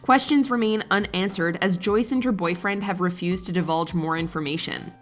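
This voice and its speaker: A woman reading a scripted countdown narration in an even, measured way. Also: lowish voice, soft background music.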